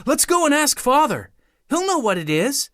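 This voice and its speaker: A man's voice: very high-pitched, sing-song, normal speed, a bit bright, pitched above the performer's own voice, heavily acted. A man voicing a curious older boy, raised and boyish. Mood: wondering. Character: wondering older boy, the brother.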